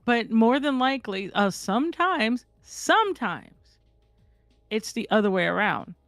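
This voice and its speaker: A candid, animated woman telling stories in casual chat, her voice sitting a little higher than most and recorded close and dry. She talks bluntly and swears without hesitation, and faint music plays underneath. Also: measured pace, no echo.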